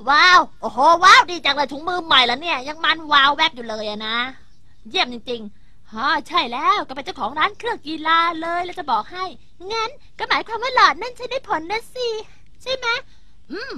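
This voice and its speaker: A woman voicing a clumsy, whiny schoolboy in a cartoon dub, complaining and excitable. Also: extremely high pitch, no room sound, exaggerated voice. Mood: excited. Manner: whiny, excitable, shifts quickly between complaining and delight.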